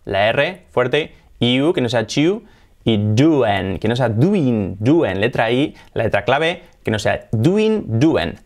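Lively Spanish man teaching casually. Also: mid-range voice, slow pace. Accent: Spanish from Spain. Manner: chatty, laughs often, models English phrases in a raised voice. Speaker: English teacher. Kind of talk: casual video lesson.

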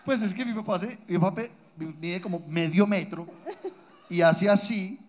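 A man telling profane, animated comic stories as a podcast co-host on a live stage. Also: sits high, moderate pace. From Colombia, Guatapé area. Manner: animated, profane, laughing storyteller. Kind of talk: live comedic storytelling. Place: live stage before an audience.

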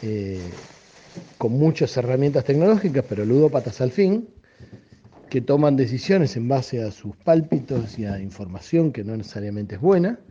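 A man's voice: mid-range voice, animated, moderate pace, dark tone, lo-fi sound, a little hiss or hum. A man with an Argentine accent, an economist, explaining bluntly in a phone interview. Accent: Argentine Spanish.

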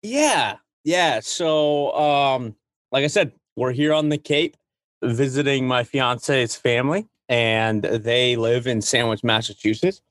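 A man's voice: medium pitch, slow pace, a bit bright, no echo, studio quality. A man co-hosting a podcast in casual conversation, enthusiastic, with playful asides to the listeners. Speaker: podcast co-host.

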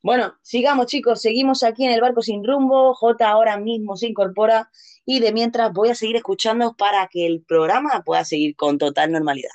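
A woman's voice: a little high, fairly even intonation, fairly quick, darkish tone. A woman with a Castilian Spanish accent hosting a casual live show, chatty, playful and given to exclamations. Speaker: host. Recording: dull, lo-fi audio.

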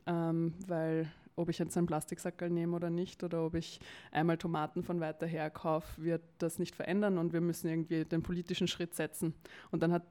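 A woman's voice: fairly low pitch, completely flat delivery, fairly quick, warm tone. A young woman with a Viennese accent, talking casually as an interview guest, with frequent fillers. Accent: Viennese Austrian German. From Vienna, Austria. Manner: talkative, many fillers, occasional laughs. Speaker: interview guest, campaign spokesperson.

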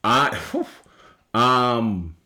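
A man in his late thirties hosting a solo podcast, talking casually and rambling with many fillers and restarts, rising loud and high when he makes a point. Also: expressive, very slow. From United States. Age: 30s. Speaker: podcast host.

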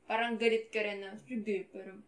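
A young woman co-hosting a podcast, explaining answers in short, halting phrases and switching between Tagalog and English in casual chat. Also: mid-range voice, flat delivery, crowd noise. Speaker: podcast co-host. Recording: echoey room.

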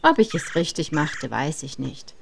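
A woman in her thirties narrating a personal travel story in a calm, reflective way. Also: low-pitched, measured pace, creaky, slight background noise. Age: 30s. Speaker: podcast narrator.

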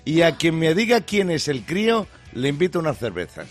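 A man's voice: on the high side, big pitch swings, normal speed. A man hosting a morning radio show, bantering jokingly with co-hosts over a music bed. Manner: jokey, teasing.

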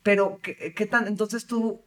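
A woman hosts the conversation as a mother, mixing her own parenting struggles into her questions. Her voice is medium in pitch and sits a little back from the microphone. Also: fairly even intonation, measured pace, distant mic. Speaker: interview host and mother. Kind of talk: conversational interview.

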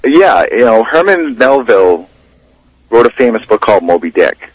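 A man's voice: medium pitch, big pitch swings, normal speed. A man chatting casually as a guest in a radio interview, with a folksy, rambling way of talking that circles back over phrases. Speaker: radio guest, local ghost investigator and tour guide. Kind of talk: casual radio interview chat about local history. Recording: dull, roomy, lo-fi radio line.

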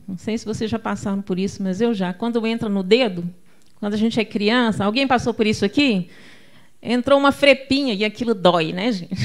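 A woman preacher with a Brazilian Portuguese accent gives an emphatic sermon, calling out to the congregation and telling homely stories. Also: a little high.

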